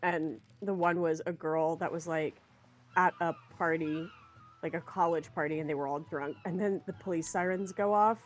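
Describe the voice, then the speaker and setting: A woman's voice: low-pitched, steady tone, normal speed, soft background music. Slangy woman chatting through a game stream. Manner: slangy, informal, enthusiastic. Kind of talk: casual playthrough chat.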